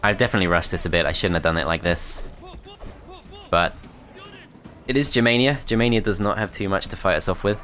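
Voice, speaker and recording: A man's voice: low voice, a little fast, long pauses, a bit bright, faint music behind. A man commentating his strategy game as he plays, thinking aloud in a tentative, self-critical way. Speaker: gameplay commentator.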